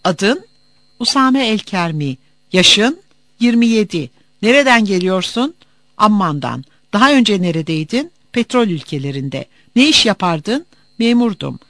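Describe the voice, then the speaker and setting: A reader voicing a gruff male soldier interrogating a traveler with short, clipped questions, in an audiobook. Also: mid-range voice, big pitch swings, measured pace, a bit bright, no echo, pitched above the performer's own voice. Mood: suspicious. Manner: curt, clipped demands.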